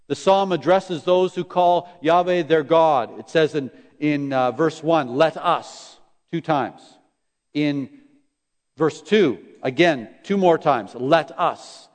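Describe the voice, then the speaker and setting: High-voiced preacher in a reverberant hall. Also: male voice, takes it slowly. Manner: repeats phrases for emphasis, stumbles and restarts. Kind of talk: sermon.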